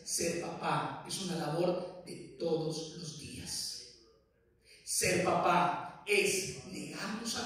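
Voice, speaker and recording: High-voiced preaching man in echoey hall. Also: fairly bright tone, far from the mic. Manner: emphatic preaching with rising repeated phrases. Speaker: pastor. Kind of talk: sermon. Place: church hall.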